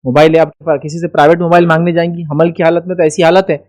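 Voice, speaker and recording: Emphatic high-voiced male preacher. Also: flat delivery, racing, a little mellow. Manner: emphatic, rhetorical questions. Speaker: Islamic speaker. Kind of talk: religious lecture.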